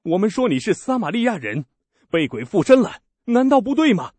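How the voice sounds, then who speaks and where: Scornful, indignant crowd of accusing men, put on by a male reader, pitched high and loud. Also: big pitch swings, brisk, no room sound. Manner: shrill, scornful outbursts.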